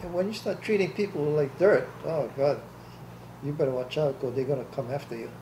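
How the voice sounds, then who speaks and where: An older man from Hawaii answers questions in an oral history interview, blunt and plainspoken and quick to laugh. His voice sits on the high side and moves briskly, recorded in an echoey room with faint hiss.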